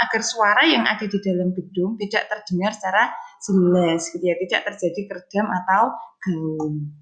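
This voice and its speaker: Woman teacher explaining a lesson to children. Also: medium pitch. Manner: explains slowly, repeats key points, asks pupils questions. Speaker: elementary school teacher. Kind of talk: online science lesson for children.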